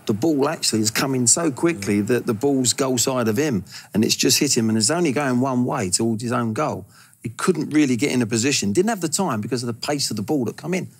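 A man in his sixties talking as a football pundit in a TV studio, animated and stumbling over his first words, on a lapel mic. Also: mid-range voice, fairly quick, breathy edge. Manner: animated, gesturing with hands, repeats words when starting. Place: large TV studio.

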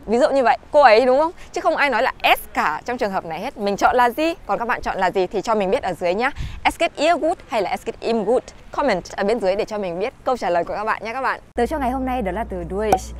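A young woman from Vietnam teaching German in a casual vlog, chatting to viewers and slowing down to say each example sentence. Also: a little high, a little hiss or hum. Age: young adult. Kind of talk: casual language lesson vlog.

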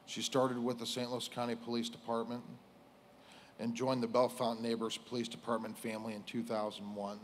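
A middle-aged American man speaks at a funeral in a medium-pitched voice. His delivery is solemn and formal, broken into short, measured phrases. He is on a lectern microphone on a stage, with some noise behind him. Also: completely flat delivery. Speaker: police chief giving a eulogy. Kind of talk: formal prepared funeral speech.

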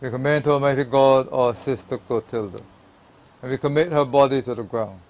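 A man leads a burial service, reading the liturgy as a priest. His delivery is solemn and measured, with a prayerful steadiness. His voice sits at an ordinary middle pitch for a man. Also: steady tone, darkish tone, poor audio. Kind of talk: reciting a funeral liturgy.

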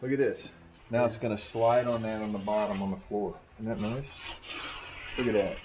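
A man's voice: fairly low pitch, fairly even intonation, normal speed. A man cracking dry jokes while working on a door inside a house under construction. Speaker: builder. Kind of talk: joking work chatter. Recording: noisy job site.

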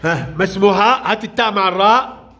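A man's voice: high voice, fast, sharp tone. A male primary school teacher, giving a classroom reading lesson and prompting and praising pupils in short commands.

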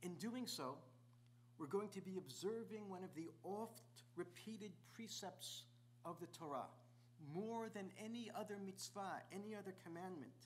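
Middle-aged rabbi preaching in a sanctuary. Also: male voice, high voice, moderate pace, a little hiss or hum. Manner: rhetorical, piles up repeated questions. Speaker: visiting rabbi. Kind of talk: sermon. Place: large synagogue sanctuary.

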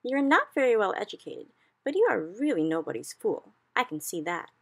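A woman's voice: mid-range voice, big pitch swings, brisk, slightly rough, pitched above the performer's own voice. A woman voicing a gracious, curious queen who speaks in a poised, polite way.

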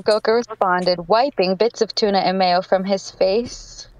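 A woman's voice: medium pitch, steady tone, a little slow, no room sound, poor audio. A woman narrating a fan fiction aloud to friends, giggling through her reading.

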